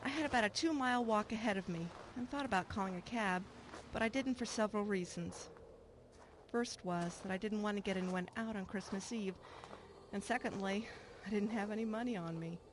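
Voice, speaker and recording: In a narrated radio drama, an actress with a brisk, medium-pitched, everyday-sounding voice plays a troubled, wistful middle-aged woman returning home to her estranged mother. She acts earnestly and reflectively with first-person narration, and the background noise is clear.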